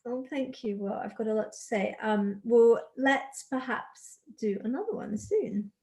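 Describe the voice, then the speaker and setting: A woman's voice: a little high, unhurried, a crowd in the background. A woman, founder of a drinks brand, chatting as a guest on a podcast with enthusiasm. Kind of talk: casual podcast chat.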